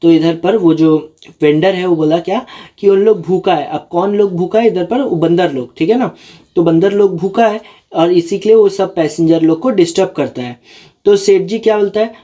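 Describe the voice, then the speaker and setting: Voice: mid-range voice, normal speed, warm tone, muffled recording. A tutor explaining a school chapter, reading English lines phrase by phrase and then explaining them in casual Hindi, often checking in with the listener. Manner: keeps checking in with "ठीक है ना" as a filler.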